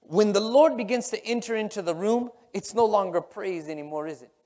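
A middle-aged pastor's high voice moves fairly quickly as he preaches a sermon from a church stage. He is emphatic and repetitive, swinging between loud exclamations and hushed murmurs. The large sanctuary produces a long hall reverb.

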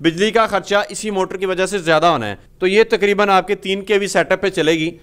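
A man's voice: high voice, fairly even intonation, brisk, fairly bright tone, smooth. A man in his thirties from Pakistan, hosting a business interview and explaining machines step by step, recorded on a handheld mic in a small indoor workshop. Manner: explanatory, walks through machines. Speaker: host.

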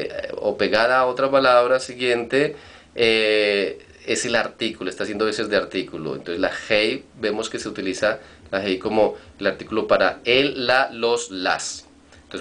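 A man's voice: fairly low pitch, a bit bright. A man teaching Hebrew vocabulary in a recorded lesson, patiently repeating and spelling out words.

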